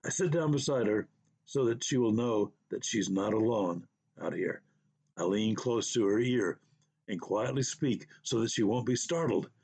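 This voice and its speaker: Husky man telling a quiet story. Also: on the low side, lively intonation. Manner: unhurried, quiet and reflective. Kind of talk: slow personal story narration.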